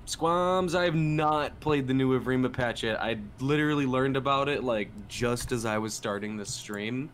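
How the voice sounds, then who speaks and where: A man from Minnesota streaming a game, chatting in a relaxed, rambling way with um and uh fillers. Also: medium pitch, moderate pace, few pauses, a little hiss or hum. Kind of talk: casual live-stream chat.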